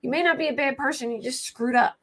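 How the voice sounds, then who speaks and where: An American woman with a high, slightly bright voice talks quickly, scratchy today, while hosting a casual livestream about true crime cases. She rambles informally, thinking out loud as she chats.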